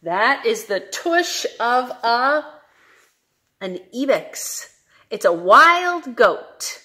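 A young adult woman, a children's librarian reading aloud at story time in an animated, sing-song, questioning manner. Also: a little high, extremely slow.

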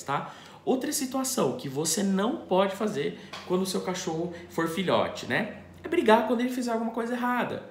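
A man's voice: high-pitched, slight background noise. A man, a dog trainer explaining puppy training to camera, asking and answering his own questions. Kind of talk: instructional talk to camera. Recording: echoey room.

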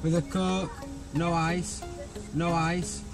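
A man's voice: fairly high pitch, little pitch movement. Man ordering at a drive-through. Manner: casual, repeats items slowly and clearly for the speaker. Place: inside a car at a drive-through. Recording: loud music over the voice.

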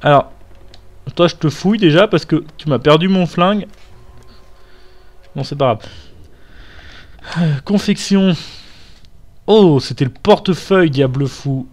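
A man's voice: on the high side, measured pace, long pauses, a little mellow. A young man chatting casually through gameplay commentary, swearing freely and wandering into asides. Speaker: gamer. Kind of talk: let's play commentary.

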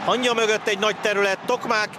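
Animated high-voiced man calling football. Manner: animated, follows play in short bursts. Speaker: football commentator. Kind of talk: live TV match commentary. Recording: very loud stadium crowd noise. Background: loud stadium crowd.

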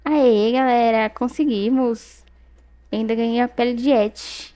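A young Brazilian woman commenting casually on her gameplay, chatty and excitable, often exclaiming to her viewers at a desk mic. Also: fairly high pitch, a little slow. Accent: Brazilian Portuguese. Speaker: gaming youtuber.

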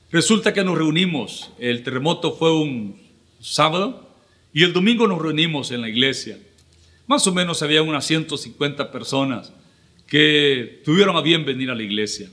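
A middle-aged man, preaching an earnest, measured sermon with pauses as pastor. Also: medium pitch, pushed and bright. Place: church livestream.

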